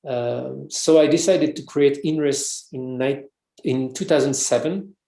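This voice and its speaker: A Frenchman, a researcher and author, is a guest in a casual interview, speaking accented English hesitantly with many restarts. His medium-pitched voice is slow, steady, and dark, with vocal fry, in a reverberant space.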